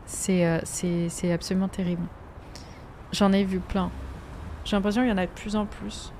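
A woman's voice: medium pitch, steady tone, moderate pace, a little mellow, slight background noise. A woman chatting during a live gameplay stream, reacting to viewers' messages and sometimes slipping into English with a French accent.

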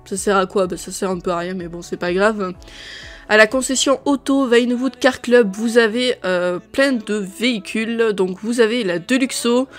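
Woman, gaming video creator, casual rundown, filler-heavy chatty delivery, faint background music. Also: mid-range voice. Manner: chatty, lists items with many fillers.

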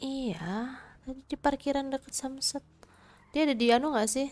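A woman's voice: sits high, normal speed, a little mellow. Brash, swearing woman streamer. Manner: brash and teasing, swears often. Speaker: streamer playing a role-play character. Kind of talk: casual game role-play voice chat.

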